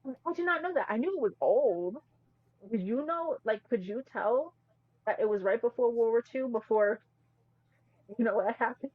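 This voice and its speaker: A woman's voice: a little high, expressive, moderate pace, no room sound. Woman co-host, casual slangy movie rant, dry close recording. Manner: chatty, emphatic, slangy. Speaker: podcast co-host. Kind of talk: casual movie review chat. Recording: slightly muffled, dry mic.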